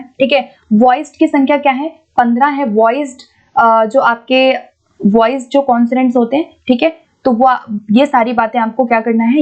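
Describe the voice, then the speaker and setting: A woman teaching an exam-prep lesson, patiently explaining and reading English questions out slowly. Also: high-pitched, lo-fi sound. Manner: explains patiently, repeats points, keeps checking with "ठीक है".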